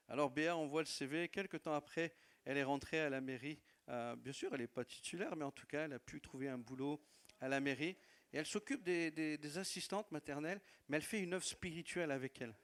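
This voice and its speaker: Pastor with an accent, higher voice. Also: male voice. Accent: non-native French accent. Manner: warm storytelling with laughs and repetitions. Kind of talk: sermon testimony. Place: church hall.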